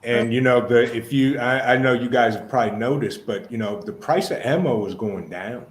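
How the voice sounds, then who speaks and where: A man's voice: mid-range voice, normal speed. A man chatting casually as a livestream guest, blunt and repeating himself for emphasis. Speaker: guest on a live stream. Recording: roomy echo with light background noise.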